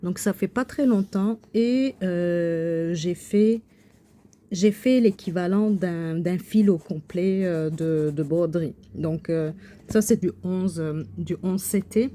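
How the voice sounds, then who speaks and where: In a casual show-and-tell vlog, a Quebec woman who hosts a craft channel walks through her coloring and embroidery pieces. She speaks slowly in a lowish, mellow voice, full of hesitations, fillers, and restarts.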